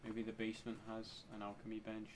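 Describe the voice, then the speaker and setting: A man's voice: lowish voice, monotone, brisk. A man doing casual gameplay commentary, muttering to himself and swearing freely. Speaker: gamer. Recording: clear game noise behind voice.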